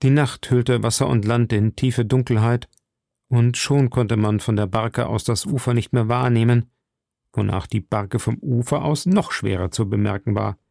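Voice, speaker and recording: A man reading a classic adventure novel aloud in slow, measured scripted narration. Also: medium pitch, steady tone, vocal fry, darkish tone, dry recording, studio quality. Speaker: audiobook narrator.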